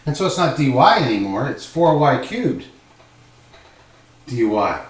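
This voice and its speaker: A male math teacher works through calculus informally at a board in an indoor room, thinking aloud through every step. His medium-pitched voice is slow and sing-song. A distant microphone picks him up in an echoey room.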